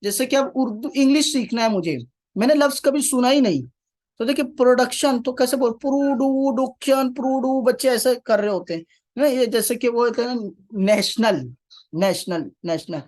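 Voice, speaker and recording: A man teaching Quranic Arabic, repeating key phrases and putting rhetorical questions to his class. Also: extremely high pitch. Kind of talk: classroom lecture.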